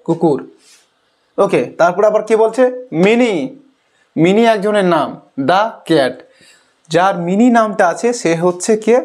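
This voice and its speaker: A man's voice: high-pitched, a little mellow. A male teacher patiently explains an English lesson to young pupils, asking questions and answering them himself and often saying "okay" between points.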